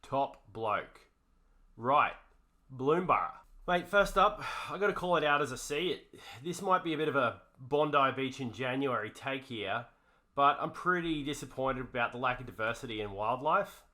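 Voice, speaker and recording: Man, put-on broad Australian accent, co-host, comedic card review, heavy slang, bright tone. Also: medium pitch, moderate pace. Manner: jokey, heavy Aussie slang.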